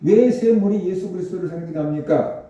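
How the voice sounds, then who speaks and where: Pastor preaching in a booming, echoey church. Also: male voice, fairly quick, mellow, far from the mic, dull audio. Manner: explains Scripture and asks the congregation rhetorical questions. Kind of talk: sermon. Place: church sanctuary.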